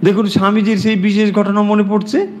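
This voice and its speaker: A man teaching a scripture class. He explains Sanskrit verses word by word and slows down when he recites them. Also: sits high, flat delivery, darkish tone. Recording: long reverb in a hall.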